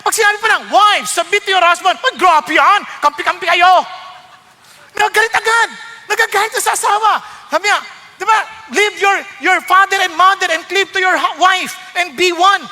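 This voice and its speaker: A man's voice: extremely high pitch, normal speed. A man with a Filipino accent preaching a sermon, switching between Tagalog and English and acting out the voices of complainers. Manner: animated, mixes Tagalog and English, acts out complainers. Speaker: pastor. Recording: long hall reverb.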